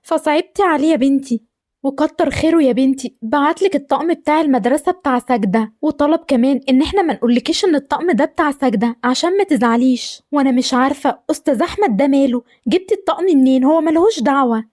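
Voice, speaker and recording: A woman's voice: high voice, a little mellow, natural voice. A woman with an Egyptian accent voicing a loving, anxious mother in an amateur voice drama, tender and fretful. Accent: Egyptian Arabic. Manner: tender, fretful, talks fast.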